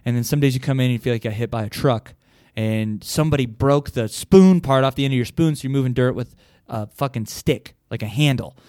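A man's voice: mid-range voice, brisk, darkish tone, dry recording, studio quality. A man hosting a solo podcast, talking bluntly and casually with plenty of swearing. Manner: blunt, profane, conversational, with frequent "like". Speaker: podcast host.

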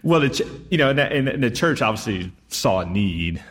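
A man's voice: medium pitch, very animated, normal speed, breathy edge. A man from Texas interviewing a guest in a chatty, affirming, conversational way. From Texas, United States. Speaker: interviewer and host.

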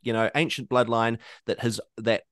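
A man with a New Zealand accent hosting a casual discussion, talking haltingly with many restarts and fillers. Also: mid-range voice, fairly even intonation, a bit bright, no room sound, clean studio sound. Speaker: podcast host.

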